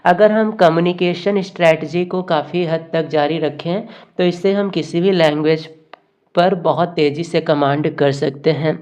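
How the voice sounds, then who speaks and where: A woman teacher, going through exam questions, reading the slowly and explaining in Hindi. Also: deep voice, fairly even intonation, darkish tone. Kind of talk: exam MCQ lesson.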